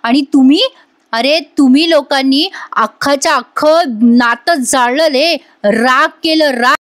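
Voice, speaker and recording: A woman's voice: high-pitched, no room sound, studio quality, close to an everyday voice. A woman voicing a grieving older uncle who pleads and reproaches his nephew with repeated questions, in a serial recap.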